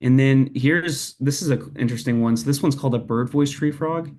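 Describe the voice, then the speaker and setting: A man's voice: mid-range voice, a little fast, a little mellow. Young guy talking through slides on a video call, lots of uh and um, easygoing. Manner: casual, hesitant, many fillers. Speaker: presenter. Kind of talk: online lecture presentation.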